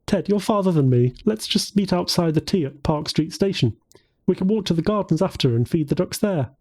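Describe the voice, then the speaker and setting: A man's voice: high voice, expressive, a little fast, darkish tone, voice pushed up. A man voicing a hopeful, devout young woman in an audiobook, speaking in an upbeat way. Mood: cheerful.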